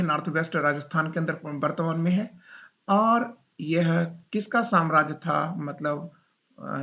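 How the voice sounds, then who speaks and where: A male teacher giving a classroom lecture, dictating slowly and repeating points as he asks his students questions. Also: a little high, pushed and bright, dull audio.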